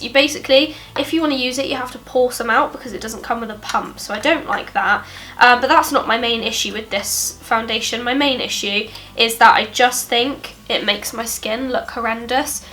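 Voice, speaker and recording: With a pushed, bright voice on the high side, a British beauty vlogger in her youth chats through a casual product review while nursing a cold and a blocked nose. Her manner is quiet and apologetic, peppered with fillers.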